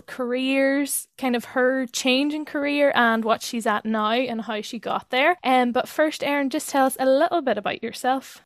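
Higher-voiced Irish woman hosting a podcast. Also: no room sound, clean studio sound. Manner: informal, loosely phrased. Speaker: podcast host. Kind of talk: casual chat.

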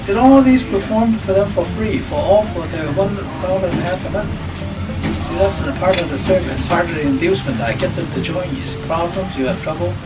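An older man being interviewed, recalling his past in halting, repetitive phrases on a noisy recording. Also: a little high, far from the mic. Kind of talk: oral history recollection.

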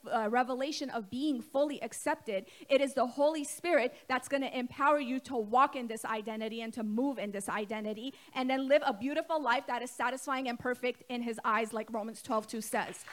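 A woman pastor preaching a sermon in a conversational way, asking her congregation questions and talking to them directly. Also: on the high side. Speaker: co-lead pastor.

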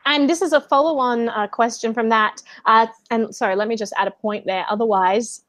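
A woman with a high voice works as a quiz host. She is casual and playful, moving between reading questions and chatting. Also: steady tone, brisk, fairly bright tone, dry recording.

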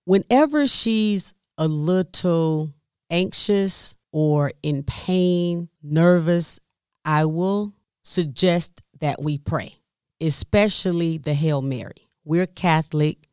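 Smooth-voiced woman telling a story slowly. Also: fairly low pitch, no room sound, clean studio sound. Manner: expressive, with dramatic pauses and direct asides to listeners. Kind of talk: personal storytelling to an audience.

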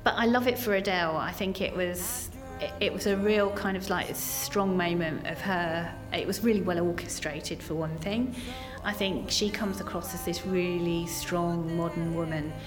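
A woman's voice: lowish voice, normal speed, few pauses, music in the background. A woman giving earnest, conversational interview answers, peppered with "you know" and "kind of". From Essex, England. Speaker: interview guest, senior business executive.

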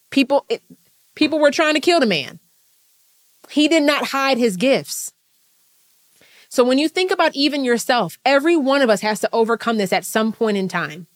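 Fired up woman coach preaching to her audience, cusses a lot, repeats lines over and over. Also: a little high. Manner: impassioned, repetitive, swears freely. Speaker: business coach. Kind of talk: motivational talk.

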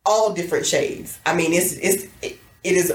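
A woman co-hosting a podcast in casual chat, thoughtful and quick to laugh, with many fillers. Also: on the low side, echoey room. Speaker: podcast co-host.

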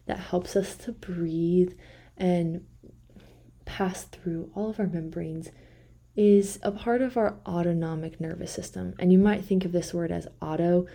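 A woman's voice: fairly low pitch, steady tone, unhurried, creaky, mellow. A woman hosting a devotional podcast, talking casually and thinking aloud, correcting herself as she goes. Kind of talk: casual faith reflection talk.

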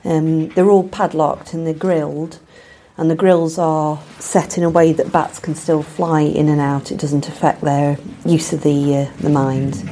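Mellow-voiced woman explaining as a field expert. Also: sits low, little pitch movement, unhurried, slight background noise. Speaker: bat surveyor, expert guide. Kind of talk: explanatory interview answers. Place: inside a mine tunnel.

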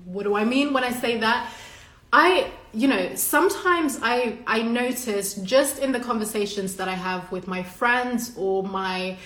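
Her voice sits on the high side, unhurried and a bit bright: a Zimbabwean woman whose native tongue is Shona, hosting a live stream as a coach. She gives a casual yet earnest and emphatic motivational talk to her online audience, cursing freely as if among friends, in a reverberant, echoey room.

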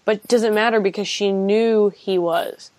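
A woman's voice: medium pitch, fairly even intonation, normal speed, a little mellow, no echo. A woman talking enthusiastically about faith in a casual chat, often restarting her sentences. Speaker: co-host.

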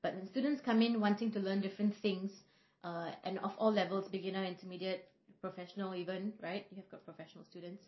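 A woman who is a singer and vocal coach, from Singapore, telling stories in a relaxed podcast chat with frequent fillers. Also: mid-range voice, quick pace. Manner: reflective, storytelling, frequent fillers. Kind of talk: casual podcast conversation. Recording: roomy, slightly dull podcast audio.

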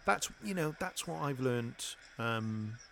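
A man's voice: mid-range voice, lively intonation, slow, creaky, fairly bright tone, a little hiss or hum, heavily acted. A man playing an awkward, self-important middle-aged amateur actor who hesitates and stammers. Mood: fussy. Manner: hesitant, fussy, many ums, stammering. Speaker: improvised comedy performer.

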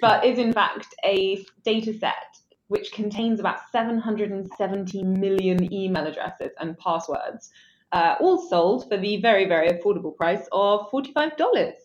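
A threat intelligence analyst, a woman with a medium-pitched voice, talks through a security story on a podcast at a moderate pace, thinking aloud in an articulate, drily humorous, conversational way. The recording has its highs cut off and a little hiss or hum.

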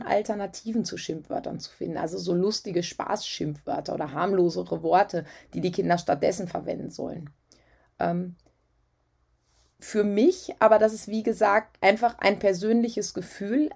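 Woman, parenting coach, husky slightly breathy voice, casual advice talk. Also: mid-range voice, a little mellow. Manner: conversational, frequent "ja" and "ähm" fillers.

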